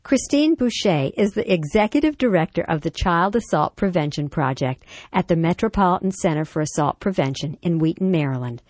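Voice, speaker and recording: A woman with a notably low voice hosts a parenting program. She reads a story and then interviews a guest in a measured, thoughtful manner. The recording is dry and close. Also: lively intonation, darkish tone, no echo. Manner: measured and reflective. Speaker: radio talk show host. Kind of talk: scripted story reading and interview.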